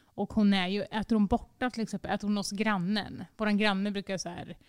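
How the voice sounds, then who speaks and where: A woman from Sweden, a podcast host, chatting casually and telling animated stories about her young daughter. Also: medium pitch, clean tone, dry recording, studio quality. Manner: animated storytelling, acts out her child's voice. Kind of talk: casual chat.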